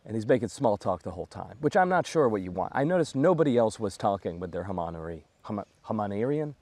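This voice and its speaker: Chatty self-mocking American comedian. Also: male voice, on the low side, very animated, fast, a little mellow, dry recording. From United States. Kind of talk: comedic storytelling.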